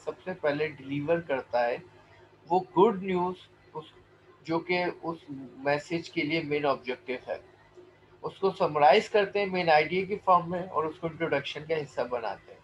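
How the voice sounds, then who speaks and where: A male lecturer explaining points quickly, then reading English passages slowly and deliberately, on a dull lo-fi recording. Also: on the high side. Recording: dull lo-fi recording with faint noise.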